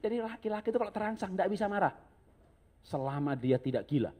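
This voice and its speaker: A man's voice: sits high, animated, fast talker, a little mellow, slight background noise. A man preaching a humorous sermon, joking and chuckling often as he talks.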